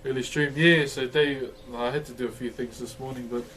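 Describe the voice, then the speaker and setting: A man's voice: mid-range voice, steady tone, a little fast, a bit bright, rough recording. A man with a broad New Zealand accent chatting casually on a livestream in a laid-back, chummy, slangy way. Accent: broad Kiwi. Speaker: livestreamer greeting viewers. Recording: noticeable background noise.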